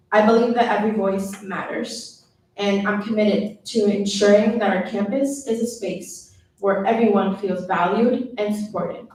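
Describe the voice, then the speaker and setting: A woman's voice: medium pitch, darkish tone. A woman in her twenties from Puerto Rico, giving an earnest prepared speech as a student government officer. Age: 20s. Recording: echoey hall, far mic.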